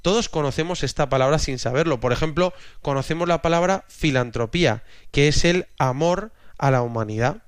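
A man's voice: fairly high pitch, brisk, clear, resonant tone, dry recording, clean studio sound. A man in his thirties giving a religious teaching talk, explaining patiently and often ending phrases with a questioning tag.

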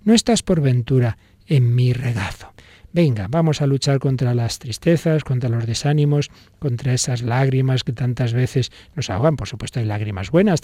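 Mellow-voiced priest giving a reflection. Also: male voice, mid-range voice, dry recording. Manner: expressive, acts out sighing voices in quotes. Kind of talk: spoken reflection on faith.

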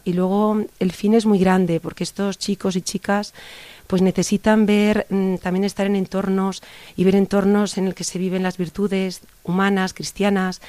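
Speaking at length in a casual interview, a middle-aged Barcelona woman who organizes youth rambles earnestly and keeps restarting. Her voice is medium in pitch and dark in tone, captured in a dry recording.

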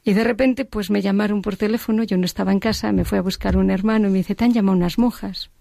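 A woman's voice: medium pitch, fairly even intonation, quick pace, vocal fry, dark tone, dry recording, studio quality. A middle-aged woman giving an earnest personal faith testimony, repeating phrases for emphasis. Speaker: religious sister giving testimony.

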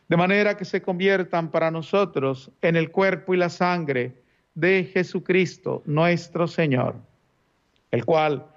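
A man's voice: fairly high pitch, muffled recording. A man speaking as a priest at Mass, reciting liturgical prayers in a solemn, formal manner.

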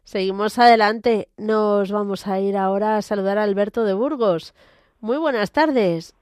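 A woman's voice: mid-range voice, a little slow, darkish tone, no echo, clean studio sound. A woman with an accent from Spain hosting a live radio phone-in, her voice nasal and duck-like, stuffed up with a cold. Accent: Spanish from Spain. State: congested with a cold. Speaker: radio host.

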